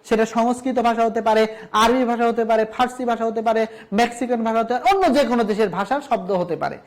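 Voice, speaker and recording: A man's voice: very high-pitched, fast. A man from Bangladesh, a college lecturer giving a recorded lesson, emphatic as he drills word lists and repeats his instructions.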